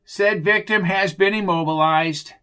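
A man's voice: high voice, unhurried, bright, forceful tone, smooth, pitched above the performer's own voice. A man voicing Bucky, a self-important campus security guard who talks in stiff jargon. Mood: officious.

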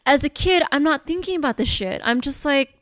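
A woman telling a story in casual chat, animated and full of "like", with casual swearing. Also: sits high, brisk, dry recording.

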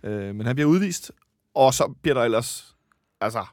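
A man's voice: mid-range voice, expressive, darkish tone, no room sound, studio quality. A man hosting a casual fan chat about a football match, rambling and correcting himself as he goes. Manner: chatty, rambling, self-correcting. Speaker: football podcast host.

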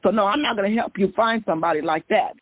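Taking callers on a psychic radio show, this woman speaks fast in a folksy, sing-song manner and repeats her phrases. Her voice is mid-range with no room sound, though the feed is tinny and phone-like with music playing behind.

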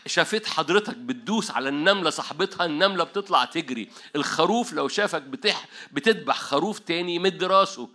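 A man in his fifties with an Egyptian Arabic accent, preaching an animated sermon full of jokes and English loanwords. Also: sits high. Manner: animated, joking, mixes English words. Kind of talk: energetic sermon.

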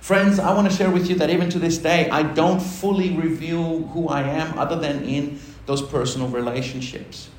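A pastor with a slightly high, steady voice speaks at normal speed and hardly pauses while sharing his personal testimony. Slight background noise mixes with the roomy church hall sound, and his manner is conversational and self-deprecating as he laughs with the congregation.

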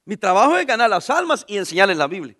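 A man preaching a sermon, his voice high and sharp-edged. His pitch swings widely as he lifts his questions and drops to answer them himself. He hammers home key phrases by repeating them. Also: sing-song, quick pace. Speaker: pastor.

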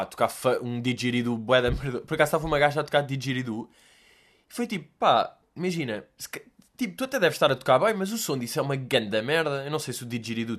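A young man with a Lisbon Portuguese accent, telling a rambling comic story as a podcast host, slangy and sweary, acting out bits. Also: medium pitch. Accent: European Portuguese, Lisbon. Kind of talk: casual comedic monologue.

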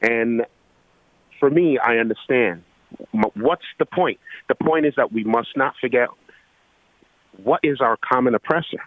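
A man from Guyana, an electrical engineer, calling in to a talk show and making his point earnestly, with many pauses and fillers. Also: mid-range voice, no echo, narrow, tinny audio. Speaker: caller. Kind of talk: call-in radio talk.

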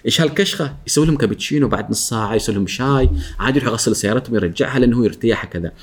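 A man, a guest speaker on workplace etiquette, talking in a lively way, acting out coworkers' lines and often laughing. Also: medium pitch, rapid-fire, breathy edge. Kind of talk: animated talk show chat.

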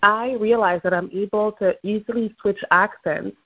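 Her mid-range voice keeps a steady tone at a moderate pace as she runs an upbeat morning motivational call, coaching listeners. The woman is a native French speaker from Quebec, Canada, with a Québécois accent, and the sound is lo-fi.

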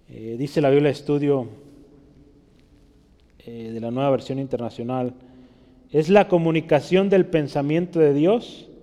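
Man, pastor preaching, fairly high voice, long church-hall reverb, tag questions. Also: mellow. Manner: frequent tag questions, teaching tone. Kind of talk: sermon.

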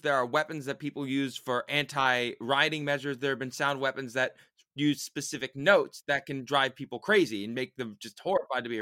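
A man's voice: on the high side, pushed and bright, dry recording, studio quality. A man co-hosting a podcast, explaining creature trivia in an enthusiastic, rambling casual chat. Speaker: podcast co-host. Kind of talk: casual chat about monster game creatures.

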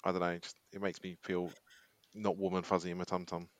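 A man's voice: low voice, level tone, fairly quick, dry recording. A man co-hosting a podcast, chatting casually and rambling with hesitations. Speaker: podcast co-host. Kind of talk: casual chat.

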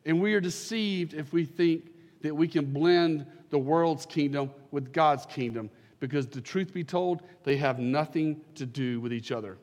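A man's voice: a little high, a little slow, a little mellow, big-room sound. A man, a pastor preaching into a pulpit microphone in a church sanctuary, praying and then building to fervent, emphatic declarations. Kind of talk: prayer and sermon.

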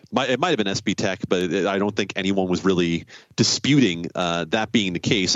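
A man speaking as a podcast guest, measured and smooth in casual chat. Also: no room sound, lo-fi sound. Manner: smooth, measured, deep-voiced.

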